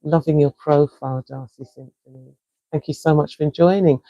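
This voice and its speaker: Woman, South London accent, wellness coach, calm encouraging guided breathing, mellow, dry close sound. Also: low-pitched, no room sound, lo-fi sound. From England. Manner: slow, soothing and encouraging. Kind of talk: live-stream guided breathing.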